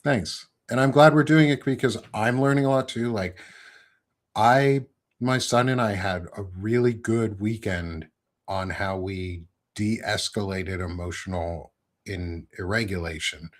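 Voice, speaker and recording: A man's voice: on the low side, measured pace. A man in his thirties hosting a casual interview, rambling and correcting himself often with many ums. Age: 30s. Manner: rambling, filler-heavy, self-correcting. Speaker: podcast host.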